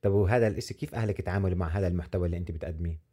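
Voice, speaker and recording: A woman hosting an interview, asking brief, gentle follow-up questions. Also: rumbling low, very fast, breathy edge. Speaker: interview host. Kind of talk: conversational interview.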